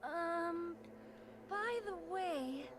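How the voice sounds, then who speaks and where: A woman voicing a soft-spoken, hesitant teenage girl from a video game, reading her lines aloud while playing. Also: very high voice, lively intonation, noisy background, voice pushed up, exaggerated voice. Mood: timid. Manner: hesitant, halting.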